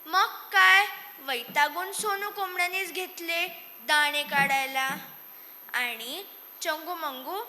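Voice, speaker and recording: Woman storyteller on stage, really high bright voice, talking to the crowd, echoey hall. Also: takes it slowly, a little hiss or hum. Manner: lively, expressive, addressing the audience. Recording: echoey hall, faint ambience.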